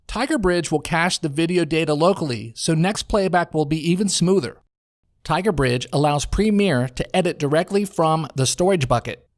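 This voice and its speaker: This American male voice-over narrator has a slightly high voice and reads a scripted software walkthrough in a measured, instructional way. It's recorded dry in a home studio with no echo.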